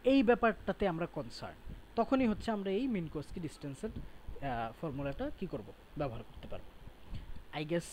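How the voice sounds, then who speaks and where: A man's voice: fairly high pitch, expressive, normal speed, long pauses, a little hiss or hum, rough recording. A male teacher gives a classroom lecture, explaining step by step and often checking in with his students.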